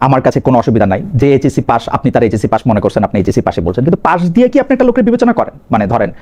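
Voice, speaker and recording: A man's voice: medium pitch, big pitch swings, racing, a little mellow. A man hosting a live political talk show, pressing his guest with repeated questions and mixing English phrases into his speech.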